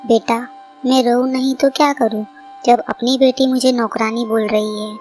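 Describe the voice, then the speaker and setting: A woman voicing a gentle, sad mother bird. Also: a little high, fairly even intonation, normal speed, faint music behind, lightly acted. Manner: soft, pleading.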